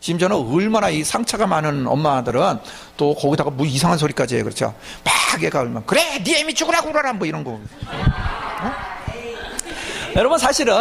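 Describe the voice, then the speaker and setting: A man's voice: on the high side, creaky. A man preaching a sermon as a pastor, often asking his congregation questions and then answering them himself.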